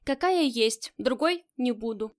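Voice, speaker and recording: A woman's voice: on the high side, expressive, a little slow. A woman voicing a stubborn, tough female gang leader in an audiobook, curt and commanding. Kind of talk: audiobook character reading.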